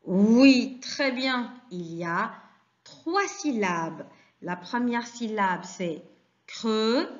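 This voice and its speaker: A woman teaching a French lesson to young children, slowly sounding out words, asking questions and praising answers. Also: mid-range voice, expressive, lo-fi sound. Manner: slow, deliberate, praising and questioning pupils.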